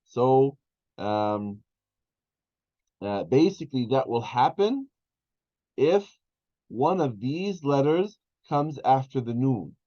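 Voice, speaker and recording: Slow-explaining male teacher, dull sound. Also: medium pitch, sing-song, warm tone. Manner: slow explanatory, many fillers and restarts. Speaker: Arabic teacher. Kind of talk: online class lesson.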